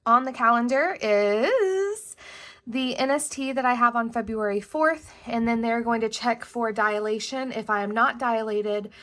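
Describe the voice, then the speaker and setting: A bit out of breath from late pregnancy, a young woman talks through a casual planner vlog from her home desk, rambling and fixing her own words as she goes. Her voice is a little high and somewhat bright, and her pace a little slow.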